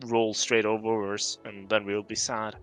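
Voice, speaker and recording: Guy, bright tense voice, laid back game chat with lots of ums. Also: on the low side, measured pace, smooth, faint music behind. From Norway. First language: Norwegian. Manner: relaxed, hedging, thinks aloud with many fillers. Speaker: game streamer. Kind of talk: casual gameplay chat.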